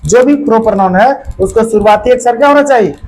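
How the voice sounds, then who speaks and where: A man's voice: high-pitched, fairly quick, darkish tone, slight background noise, poor audio. A man teaching a grammar lesson to a classroom of students, drilling them with constant questions in a colloquial, repetitive way.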